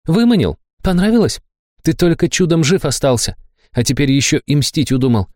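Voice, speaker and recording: A young female student, sharp-tongued and worried, scolds a friend in a raised, pitched-up voice, as a male reader puts her on. It is an audiobook character voice, recorded dry and close with no room sound. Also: sing-song, fairly quick, no room sound. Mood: scolding. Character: young female student, angry yet caring.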